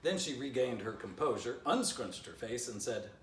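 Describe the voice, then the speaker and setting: The fifties-aged storyteller reads his own kids' book at a moderate pace, his medium-pitched voice very animated as he tosses cheerful asides to children. A camera several feet away in the fireplace-lit living room picks him up, giving a roomy, slightly distant feel and a little hum.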